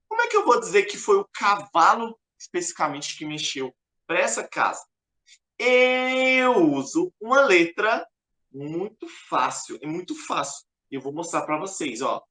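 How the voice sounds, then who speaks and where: Brief: man, chess teacher, crisp bright tone, echoey room, patient and repetitive. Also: fairly high pitch. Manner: patient, repetitive, keeps pointing things out. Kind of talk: explaining a lesson over a board.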